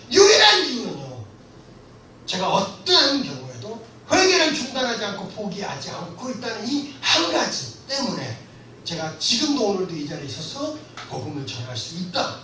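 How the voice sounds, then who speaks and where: A middle-aged male pastor giving an impassioned, storytelling sermon lecture to a congregation, often breaking into shouts. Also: very high voice. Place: church hall. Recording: very echoey church hall, mic far off, faint noise.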